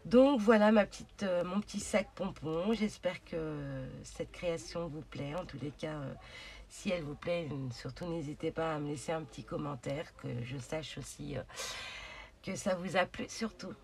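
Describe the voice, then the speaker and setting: A woman's voice: sits low, normal speed, a little mellow. A woman hosting a casual crafting tutorial, chatty and hesitant, with many fillers as she talks through her project. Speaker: craft channel host.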